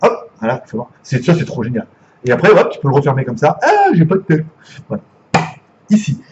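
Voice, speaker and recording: Excitable French man, lively high voice, casual live unboxing, slightly muffled sound. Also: a little fast, background noise. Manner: excitable, chatty, jokey, swears casually. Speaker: gadget reviewer.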